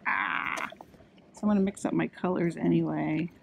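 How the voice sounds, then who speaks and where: A woman's voice: fairly low pitch, fairly even intonation, moderate pace, creaky, a little hiss or hum. A middle-aged woman chatting casually as she paints watercolors from a kayak on a lake. She thinks aloud and pokes fun at herself, sounding hot and a little out of breath, and she records into a phone held in her hand. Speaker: watercolor artist. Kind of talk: casual chat while painting. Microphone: phone camera held in hand.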